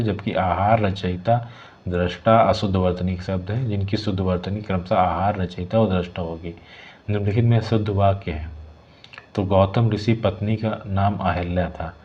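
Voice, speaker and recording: A man teaching a Hindi exam lesson, working through practice questions and saying the corrected words slowly and repeatedly. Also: sits low, a little mellow. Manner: repeats words slowly, adds "ठीक है" checks. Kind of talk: explaining exam questions, partly reading options. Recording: dull lo-fi sound with faint hiss.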